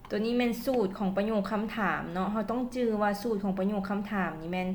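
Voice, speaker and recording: A woman with a Lao accent teaching English at home. She says English phrases slowly and carefully, then quickly translates each one. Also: medium pitch, fairly even intonation, darkish tone, a little hiss or hum. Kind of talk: casual spoken lesson.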